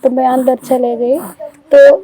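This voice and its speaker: A young widow quietly recounting a killing she witnessed, speaking softly and haltingly and repeating herself. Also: sits high, flat delivery, a crowd in the background, rough recording. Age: young adult. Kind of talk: tearful eyewitness account.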